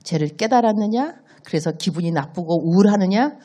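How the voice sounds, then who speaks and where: A woman's voice: mid-range voice, a little fast. A woman missionary preaching a sermon in a church, telling stories and acting out the dialogue. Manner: animated storytelling, acts out dialogue.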